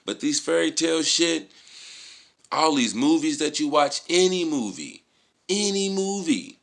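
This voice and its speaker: An American vlogger with a medium-pitched, fairly bright voice gives a casual motivational talk. He's emphatic and slangy, swears freely, and keeps repeating key words.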